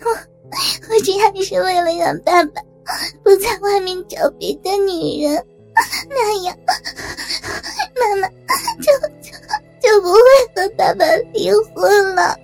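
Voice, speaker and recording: A woman's voice: very high voice, measured pace, long pauses, darkish tone, faint music behind, pitched above the performer's own voice. A woman voicing a tearful, pleading teenage daughter who stammers through sobs. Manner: sobbing, stammering.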